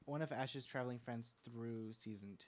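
A young man in a casual podcast chat, talking in an animated, excitable way. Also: medium pitch, normal speed, a little hiss or hum.

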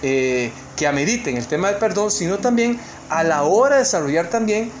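A man's voice: high-pitched, animated, brisk, a little hiss or hum. A Costa Rican man giving an online seminar talk, earnest and emphatic, with many fillers and restarts. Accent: Costa Rican Spanish. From Costa Rica. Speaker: seminar speaker.

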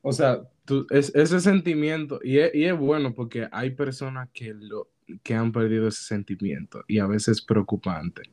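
A young man hosts a relaxed podcast chat, pausing and restarting as he looks for words. His voice sits in a middle pitch. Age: young adult. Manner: halting, searching for words. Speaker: podcast host. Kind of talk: casual conversation.

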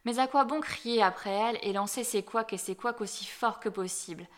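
A woman reading a fairy tale aloud as storyteller, gentle and dropping softly at the ends of phrases. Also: on the high side, moderate pace.

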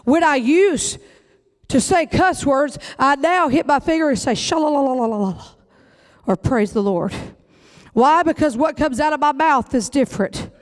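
A man's voice: very high voice, normal speed. A male pastor, preaching an emphatic, folksy sermon.

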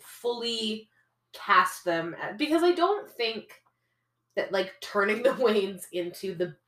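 A woman co-hosting a podcast in casual chat, animated and laughing often. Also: medium pitch, takes it slowly, echoey room. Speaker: podcast co-host.

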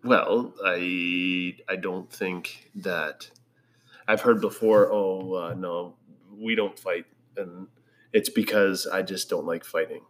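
A man's voice: sits low, fairly even intonation, slow pace. A man chatting casually with his wife, dry and teasing in a laid-back way. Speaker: husband, podcast guest. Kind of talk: casual couple chat.

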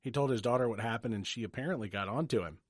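A man, co-hosting a podcast as casual chat and telling animated stories that quote other people, laughing often. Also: medium pitch, very fast, breathy edge, no room sound, studio quality. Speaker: podcast co-host.

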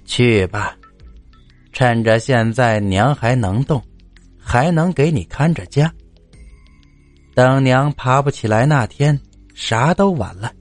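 A man voicing a doting, worried widowed mother near seventy who talks slowly and coaxingly in a told story. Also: medium pitch, lively intonation, no room sound, soft background music. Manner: slow, pleading, coaxing.

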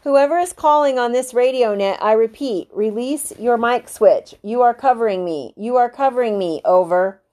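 A composed male radio operator, as a woman reading aloud puts him on, gives crisp, formal instructions. He talks in short procedural phrases. He stays calm and businesslike. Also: on the high side, moderate pace, few pauses, close to an everyday voice. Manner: clipped, formal radio talk.

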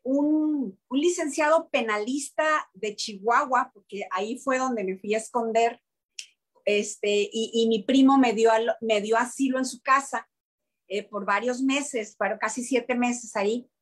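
A middle-aged Mexican woman in an interview, telling a personal story with lively, repeated restarts. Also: on the high side. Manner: animated storytelling, many repetitions and restarts. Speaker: interviewee, network marketing leader.

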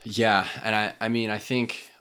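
Low-voiced young man, casual podcast chat. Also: a little slow, clean tone. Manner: relaxed, conversational, reads scripture aloud. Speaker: podcast co-host.

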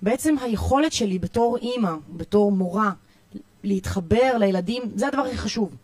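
A woman youth coach with an Israeli accent, giving parenting tips in a podcast interview in an energetic, emphatic way, often repeating herself. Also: medium pitch, no echo. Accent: Israeli Hebrew. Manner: energetic, repetitive, emphatic listing.

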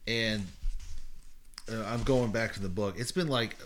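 A man with a fairly low voice recounts a story in casual podcast chat. He meanders, stops to correct himself and leans on fillers as he goes. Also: measured pace, fairly bright tone, slight background noise. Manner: rambling, self-correcting, many fillers. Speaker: podcast co-host.

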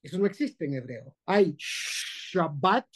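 A rabbi with a Colombian Spanish accent and a high, dark-toned voice explains pronunciation to his class at a moderate, animated pace. He is emphatic, demonstrating sounds through repetition and exaggeration and checking that students are with him.

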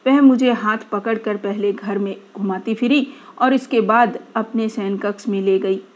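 Woman reading a story aloud, measured. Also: mid-range voice, fairly even intonation.

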